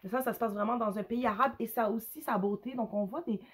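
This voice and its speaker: A woman with a Quebec French accent and a hoarse, gravelly voice, casually reviewing books in a hesitant, rambling way with English words slipped in. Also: a little high, quick pace. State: hoarse, with a cough. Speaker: book reviewer, mother. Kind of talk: casual unscripted review to camera.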